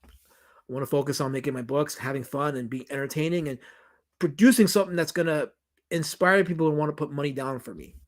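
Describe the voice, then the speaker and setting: This documentary director talks at a quick pace in a fairly high voice, with a New York accent, while hosting a casual livestream Q&A. Reading viewers' comments, he answers emphatically and ramblingly, full of restarts and repeated phrases.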